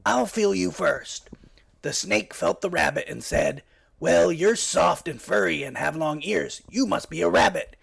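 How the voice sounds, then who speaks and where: A scruffy male cartoon bat comedian, played by a man tells one silly joke after another. His voice is gravelly and husky and sits a little high. He hits each punchline and switches voices for the people in his jokes. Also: a bit bright, full character voice. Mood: cheeky. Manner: punchy joke delivery, quick switches between characters' voices. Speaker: late-night comedy host. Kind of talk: cartoon stand-up joke telling.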